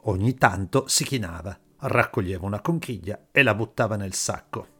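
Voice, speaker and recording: A man reading a story aloud in a calm, measured audiobook narration over faint music. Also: on the low side, slightly rough. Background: faint background music.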